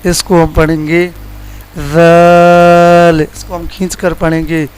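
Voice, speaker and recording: Flat-voiced man teaching letter sounds. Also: on the high side, smooth, soft background music, low-quality recording. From Pakistan. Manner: drawls out each letter slowly as a model; plain explaining teacher tone. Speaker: Quran recitation teacher. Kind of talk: letter-by-letter pronunciation lesson.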